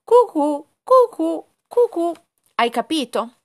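A woman's voice: very high-pitched, sing-song, takes it slowly, pitched above the performer's own voice, exaggerated voice. A woman voicing a cheerful male cuckoo bird who teaches kindly, in a sing-song manner. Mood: coaxing.

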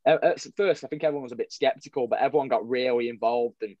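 Quick-talking young man. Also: mid-range voice, darkish tone, no echo, highs cut off. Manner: rambling storyteller with many restarts and fillers. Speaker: football fan vlogger, guest. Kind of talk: casual podcast chat.

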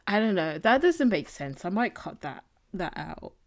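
Low-voiced woman rambling candidly on a podcast. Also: sing-song, a little slow. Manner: rambling, candid, swears casually. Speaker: podcast host. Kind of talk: casual opinionated solo podcast chat. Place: indoors, a room other than the usual setup. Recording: slightly echoey, recorded in makeshift room.

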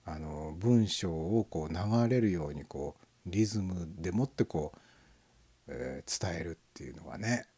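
On a live internet radio stream, a man chats in a rambling, casual way, with fillers and soft chuckles throughout. His voice is dark, mellow and husky, a little slow, and his pitch lifts and dips in a lively way as he considers each listener's comment.

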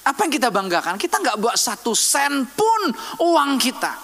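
A man preaching a sermon in a lively, conversational way, teasing the congregation with questions. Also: extremely high pitch, moderate pace. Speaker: pastor. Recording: long hall reverb.

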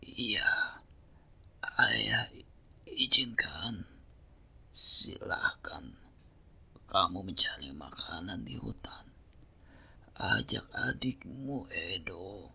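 A frail, weary father horse from a children's story, acted out by a man. The voice is a breathy whisper. Words come slowly and haltingly. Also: deep voice, animated, pushed and bright, full character voice. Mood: weak, consenting. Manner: slow, halting.

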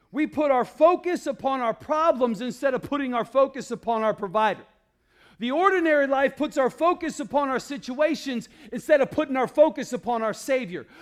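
A male pastor preaching a sermon, calling out to the congregation and swinging between loud declarations and hushed, low passages. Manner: calls out to the congregation.

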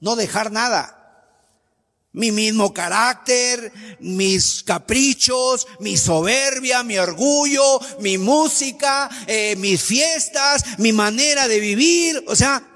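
A man's voice: extremely high pitch, slow pace, a bit bright, soft background music. A man preaching a sermon with an emphatic, sing-song cadence. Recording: long hall reverb.

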